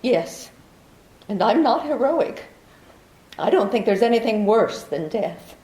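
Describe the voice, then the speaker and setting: A woman's voice: fairly high pitch, sing-song, slow, warm tone. A woman playing a scheming young woman who pleads melodramatically for protection, in 1940s radio drama style, in a roomy recording. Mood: guarded.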